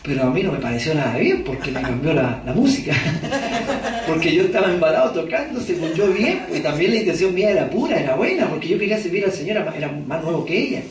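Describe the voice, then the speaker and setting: High-voiced pastor in echoey church. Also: male voice, animated, quick pace, hardly any pauses. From Chile. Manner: conversational preaching with frequent rhetorical questions to the congregation. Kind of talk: sermon. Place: church hall. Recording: echoey church hall, distant mic. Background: congregation responding.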